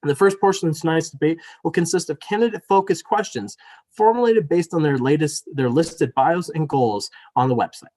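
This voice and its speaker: A man's voice: fairly high pitch, brisk, darkish tone. Young man moderating a virtual student debate. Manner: apologetic and chatty, many fillers, then reads rules formally. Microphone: video call.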